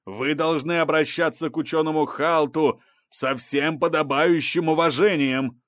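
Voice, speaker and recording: A stern woman judge who thunders her reprimands, as a male narrator plays her, pitched above his own voice. Her commands boom out in a dry, close storybook reading. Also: steady tone, unhurried, fairly bright tone, dry recording. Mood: commanding.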